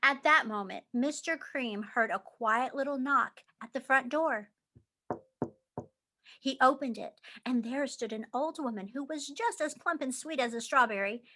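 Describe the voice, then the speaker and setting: Female storybook narrator for early readers; high, bright voice, expressive read-aloud. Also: unhurried.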